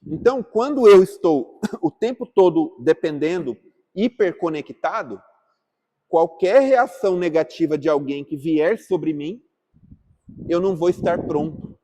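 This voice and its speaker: A man teaches a church class in an interactive, casual way, asking the group questions and calling on people by name. His voice is fairly high, animated, and warm, and he speaks unhurriedly.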